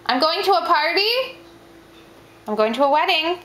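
A woman's voice: extremely high pitch, very animated, normal speed, a crowd in the background. A woman making wry, casual jokes in family kitchen chat. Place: home kitchen at a table. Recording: echoey kitchen, noise and dish clatter.

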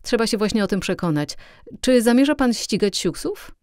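A woman reading the lines of a calm, reserved English gentleman in an audiobook, measured and composed. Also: mid-range voice, no room sound, clean studio sound, pitched above the performer's own voice, close to an everyday voice.

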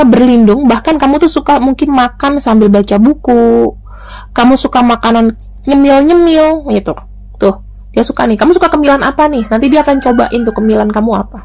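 A woman's voice: a little high, a little mellow. A woman doing a casual tarot reading, chatting directly to the viewer as she turns the cards. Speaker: tarot reader.

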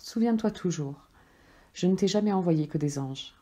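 A woman voicing a kind, wise God who speaks calmly and gently firm. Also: on the low side, normal speed, muffled recording. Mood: gentle.

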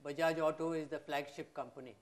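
An older man, putting measured, polite questions as interviewer on stage, recorded on a lapel mic. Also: on the high side, steady tone.

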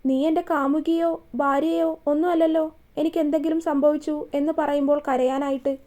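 A woman's voice: sits high, little pitch movement, brisk, dark tone, close to an everyday voice. A woman reading a stern commanding young man. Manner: firm, questioning tone.

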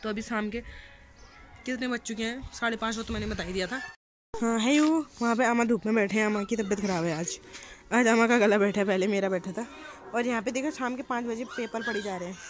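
A young woman from the hills of northern India vlogs casually to her phone camera, held at arm's length, on a rooftop in a hill town. Her voice is fairly high and a little quick, and she's chatty and homely, talking to viewers as if they were friends.

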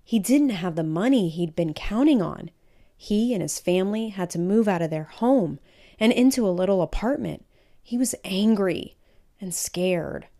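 This is a woman with a fairly low voice, reading a children's picture book aloud. She tells the story expressively and with emphasis.

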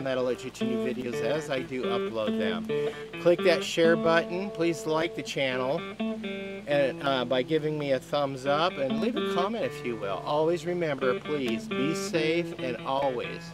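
A man's voice: on the high side, normal speed, over loud music, rough recording. An older man hosting a homestead vlog, chatting casually outdoors in a sunny farmyard in a plainspoken way with frequent "uh" fillers. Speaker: homestead channel host.

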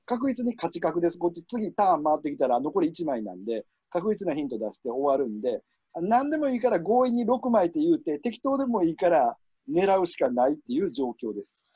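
A man with a Kansai accent hosting a word game, explaining rules in a relaxed, chuckling way. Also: a little high, brisk, husky, dry recording. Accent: Kansai Japanese. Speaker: game host and referee. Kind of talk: casual game commentary.

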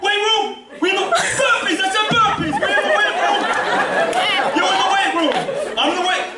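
A man doing a teacher impression of a manic gym teacher, shouting and barking commands in a very high, strained voice. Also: normal speed. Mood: manic, hyped. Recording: noisy echoey hall, distant, loud crowd.

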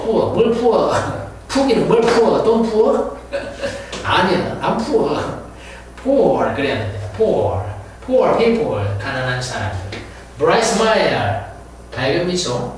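Man, English teacher, lively high pitch, slow delivery, far-off echoey room, faint hiss. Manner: drills words, corrects pronunciation, chuckles at own jokes. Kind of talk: lecture explaining vocabulary.

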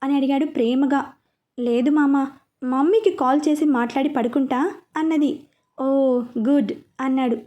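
A woman tells a serialized story aloud, reading each character's lines without changing her voice much. Her voice sits high and has a warm, mellow tone. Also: moderate pace, long pauses. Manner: reads all characters' lines in her own voice. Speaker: narrator. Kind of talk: storybook narration with voiced dialogue.

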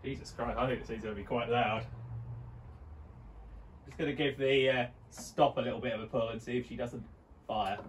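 A man's voice: medium pitch, fairly even intonation, normal speed, pauses often, background noise. A man giving casual commentary outdoors while trying to start an old tractor, hopeful and talking half to himself, filmed on a handheld phone. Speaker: vlogger restoring an old tractor. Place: outdoors beside an overgrown tractor.

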